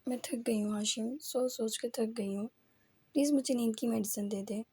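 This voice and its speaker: A woman's voice: a little high, warm tone, slightly rough. Woman reading as a tearful, bitter young wife. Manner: sobbing, accusing.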